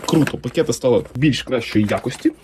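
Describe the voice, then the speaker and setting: A man's voice: medium pitch, background noise. A man talking casually and enthusiastically as he unboxes comics for his channel. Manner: enthusiastic, unhurried, lively intonation.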